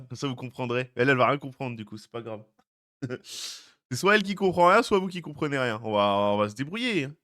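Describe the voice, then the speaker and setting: This young male streamer has a medium-pitched, fairly bright voice. Talking loosely with his audience, he calls out chatters by name, ribs them, and drops playful jokes along the way.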